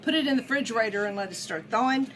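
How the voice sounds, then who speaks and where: Casting: mature woman, slightly high pitch, casual folksy home-cook vlogger, chatty delivery straight to the audience. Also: very fast, a bit bright, a little hiss or hum. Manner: folksy, chatty, addressing viewers. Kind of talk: casual cooking demonstration chat.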